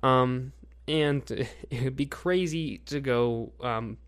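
A young man hosting a podcast with casual, unscripted commentary, rambling and pausing often to think. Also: medium pitch, clean tone. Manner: rambling, with frequent pauses to think. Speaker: podcast host.

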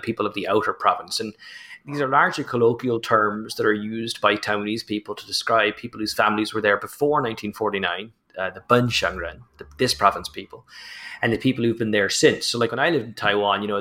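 A man who is the author guest in an interview explains things and tells anecdotes in a chatty way, often saying "you know" and laughing. His voice is on the low side, with a bright, forceful tone.

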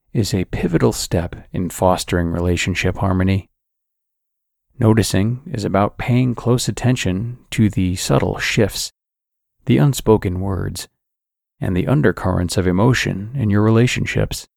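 A man narrating a scripted guided sleep meditation in a calm, soothing, measured sleep-story manner. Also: low-pitched, creaky, no room sound, clean studio sound.

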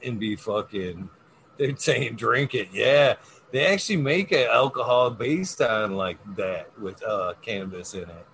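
A man's voice: on the low side, animated, measured pace, creaky, a bit bright, a little hiss or hum. A man chatting casually in a rambling, coarse, slangy way, swearing freely.

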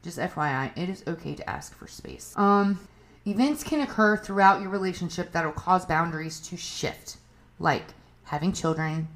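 A woman's voice: low-pitched, fairly bright tone. A woman hosting a casual advice podcast, talking frankly and chattily with swearing and asides. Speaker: podcast host. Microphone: livestream on phone.

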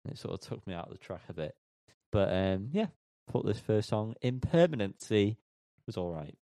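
A music podcast co-host with a deep, warm, somewhat creaky voice talks a little fast in a dry, clean studio recording. He laughs and jokes through the casual review chat, stumbling over band names.

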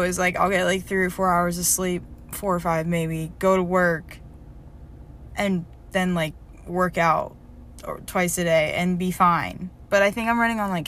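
A woman's voice: on the low side, fairly bright tone. A young woman vlogging in a candid diary style, reflective and emotional, rambling with many fillers and self-corrections. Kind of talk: personal diary vlog.

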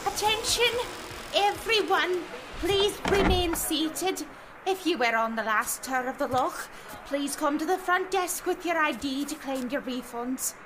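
An actress playing a polite front desk announcer, giving a formal, measured public address page in an audio drama. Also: female voice, high voice, noisy background. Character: polite woman making a tour office public announcement.

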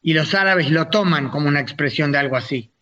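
A man's voice: fairly high pitch, fast talker, sharp tone, lo-fi sound. A man hosting a radio interview, chatting and asking long, framing questions. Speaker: radio host.

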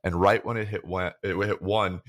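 A man's voice: low voice, fairly even intonation, moderate pace. A man on a podcast telling a story in a laid-back, casual chat. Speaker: podcast co-host.

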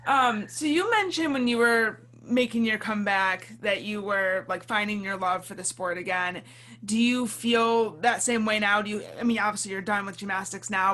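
A woman's voice: mid-range voice, bright, forceful tone. A woman hosting an interview, asking supportive, probing questions in a conversational way. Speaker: interviewer, podcast host.

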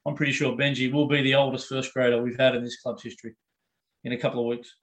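A man's voice: mid-range voice, flat delivery, fast talker, fairly bright tone. Blokey Australian man hosting casual sports chat. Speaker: podcast co-host interviewing.

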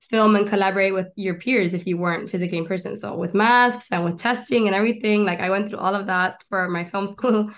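A woman in her twenties, raised between Miami and Argentina, talks as a comedian guest on a podcast. Her voice sits at a middle pitch. She chats with enthusiasm and runs through long lists in one breath. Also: fairly quick, few pauses. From Miami, Florida and Argentina. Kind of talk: casual interview chat.

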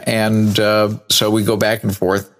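A man's voice: lowish voice, completely flat delivery, a little slow, fairly bright tone, soft background music. A man hosting a podcast, chatting in a light-hearted way and laughing easily. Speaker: podcast host. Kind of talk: casual chat.

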